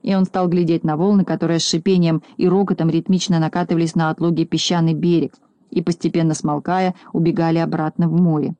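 Calm woman reading a storybook, dark tone. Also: sits low, fast talker, no room sound. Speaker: audiobook narrator.

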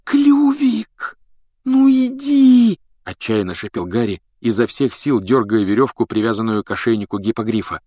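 A man narrating an audiobook in an expressive, dramatic reading on a close mic. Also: on the low side, fairly quick, few pauses, no room sound.

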